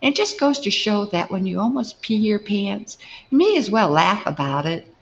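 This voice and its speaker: A woman's voice: mid-range voice, very animated, normal speed, vocal fry, muffled recording. A woman narrating a personal story in a humorous, chatty, self-deprecating way.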